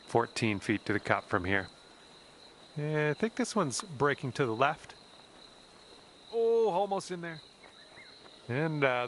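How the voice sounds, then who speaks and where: A man's voice: medium pitch, pushed and bright, a little hiss or hum. A man playing an upbeat, easygoing golf commentator in a video game, calling shots conversationally with exclamations. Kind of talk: sports commentary.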